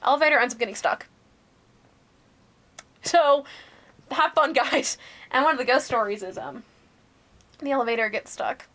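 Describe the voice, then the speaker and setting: Young woman, podcast co-host, higher voice, casual storyteller, laughs and swears, hushed at spooky bits. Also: moderate pace, long pauses.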